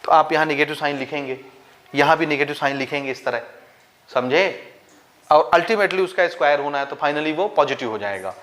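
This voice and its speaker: In a board-style maths lesson, a teacher with a Chhattisgarh Hindi accent explains step by step, blends English maths vocabulary into his Hindi, and asks the class questions before answering them himself. He talks at a moderate pace in a fairly bright, somewhat high voice.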